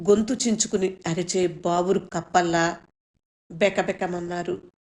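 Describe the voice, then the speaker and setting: A woman reading her own short story aloud in a measured, solemn way. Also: on the low side, darkish tone. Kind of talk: story narration.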